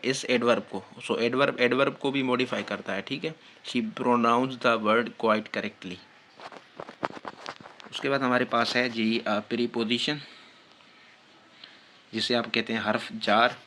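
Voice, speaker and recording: A man giving an exam-prep grammar lecture. He asks his own questions, answers them, and dictates English examples very slowly. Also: mid-range voice, fairly bright tone, slight background noise. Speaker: grammar teacher.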